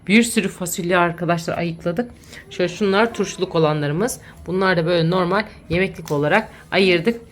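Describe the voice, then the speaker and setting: A woman's voice: lowish voice, fairly quick, slight background noise. A woman in her thirties, a mother vlogging from her home kitchen, chatting to viewers and playfully scolding her children. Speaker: mother and channel host. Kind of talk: casual family vlog, talking to viewers.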